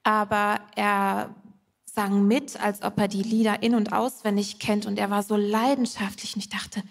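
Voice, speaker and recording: A woman calmly telling a personal testimony on a church stage, with soft hesitations. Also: medium pitch, normal speed, creaky. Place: large church hall stage. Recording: long hall reverb.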